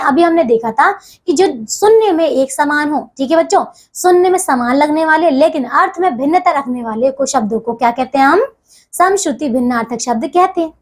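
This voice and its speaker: Young female teacher, high-pitched, patient classroom explainer for children. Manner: patient, repeats "dekhiye" and "theek hai" often. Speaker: school teacher. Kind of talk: explaining a grammar lesson to children.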